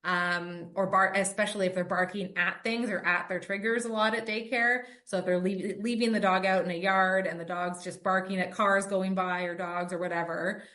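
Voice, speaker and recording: A podcast host who is also a dog trainer speaks in a mid-range, fairly bright voice with fairly even intonation, a moderate pace, and hardly any pauses. She talks conversationally, running through her points filled with "um" and "like."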